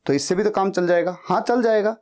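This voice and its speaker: A woman's voice: medium pitch, fairly quick, darkish tone. A woman teaching spoken English in Hindi, explaining each phrase and repeating the example sentences aloud. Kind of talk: Hindi-language English lesson.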